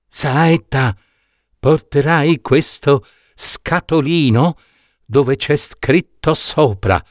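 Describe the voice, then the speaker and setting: A man's voice: on the high side, dry recording, clean studio sound, voice pushed up. A man doing a bossy crooked old dwarf. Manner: commanding, slow and emphatic.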